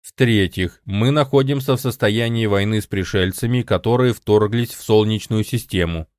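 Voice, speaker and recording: A man voicing an emotionless government supercomputer in an audiobook, speaking flatly without modulation. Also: lowish voice, moderate pace, no echo, studio quality, close to an everyday voice. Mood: cold decree. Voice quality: flat, unmodulated. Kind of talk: audiobook reading.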